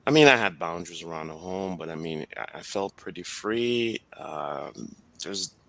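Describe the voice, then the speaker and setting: A man from Jamaica reflecting slowly on his upbringing as an interview guest, with many fillers and restarts. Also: deep voice, expressive, creaky, a bit bright, rough recording.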